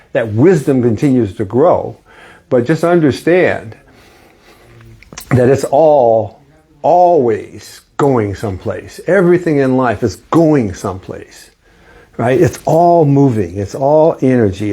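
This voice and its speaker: A man in his late sixties giving casual life advice in a gentle, reassuring, reflective and conversational way. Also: mid-range voice, slightly rough. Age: late 60s. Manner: conversational, often seeking agreement with rhetorical questions. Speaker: host and investing coach.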